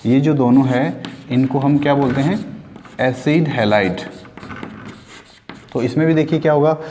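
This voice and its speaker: A man's voice: fairly high pitch, dark tone, long reverb tail. A male chemistry teacher with an Indian accent, explaining a lecture step by step, asking questions and answering them himself, mixing English terms into Hindi. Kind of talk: classroom lecture.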